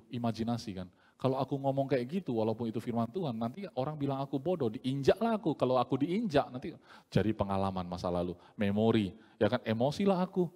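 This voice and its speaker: A man preaching a sermon in a lively, joking way, often acting out the voices he quotes. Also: mid-range voice, long reverb tail.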